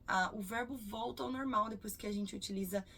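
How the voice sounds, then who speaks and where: A Brazilian woman in her thirties teaching English in a casual video, patiently repeating example words slowly. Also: mid-range voice, creaky, sharp tone, a little hiss or hum. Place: cruise ship.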